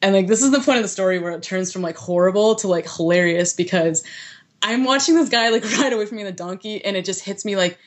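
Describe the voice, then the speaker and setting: A young American woman telling a story in casual conversation, animated and full of "like" fillers. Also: mid-range voice, fast talker. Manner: animated, heavy use of "like" fillers, laughs often. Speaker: guest recounting a past experience.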